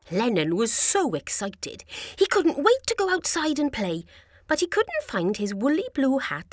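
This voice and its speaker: Woman, preschool story narrator, slow and sing-song, high, breathy, dry close sound. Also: no echo. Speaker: storyteller and presenter.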